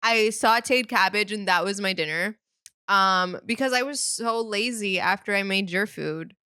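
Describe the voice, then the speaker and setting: Young woman co-host, bright crisp voice, chatty and giggly, casual podcast banter, dry close mic. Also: mid-range voice, normal speed, no room sound. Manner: chatty, giggly, full of "like", swears freely. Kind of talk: casual chat.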